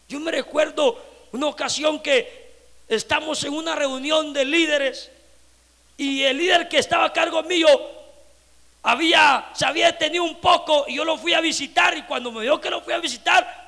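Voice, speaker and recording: A man preaching a sermon as pastor, dropping to quiet murmurs and rising to loud shouts. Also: very high voice, vocal fry, long reverb tail. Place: church.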